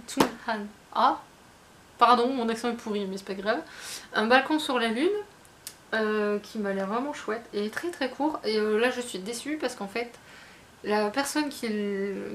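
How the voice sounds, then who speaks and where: A woman's voice: mid-range voice, a little hiss or hum. A woman chatting casually, rambling with many fillers and restarts. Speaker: book vlogger. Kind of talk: casual chat.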